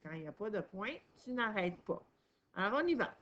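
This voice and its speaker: A woman's voice: mid-range voice, lively intonation, a little fast, a bit bright, dull audio. A woman teaching a young child to read, patient and encouraging, stressing each sound and syllable. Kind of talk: reading lesson for a young child.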